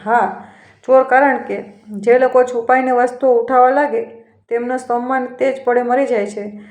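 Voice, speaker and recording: A woman's voice: fairly high pitch, steady tone, normal speed, echoey room, natural voice. A woman voicing a cruel, haughty young daughter-in-law who speaks with scorn. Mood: scornful. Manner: scornful, sharp-tongued.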